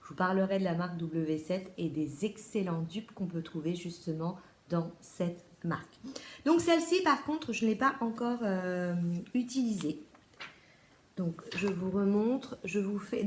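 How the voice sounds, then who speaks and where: A French woman, a beauty vlogger, chats through a casual haul video in an echoey room. Her voice sits in the mid-range and moves at a moderate pace, with plenty of fillers and restarts.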